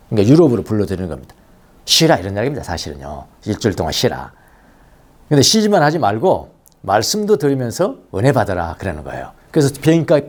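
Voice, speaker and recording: A man's voice: medium pitch, a little mellow. A middle-aged man preaching a Sunday sermon in a church, telling stories with chuckles and repeating key phrases. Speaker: pastor. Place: church sanctuary.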